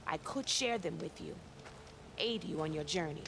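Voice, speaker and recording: A woman's voice: lowish voice, lively intonation, moderate pace, vocal fry. An actress voicing a wary, tough female clan scout in a video game, talking bluntly and matter-of-factly. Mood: warning. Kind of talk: game character dialogue. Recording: game audio heard with background noise.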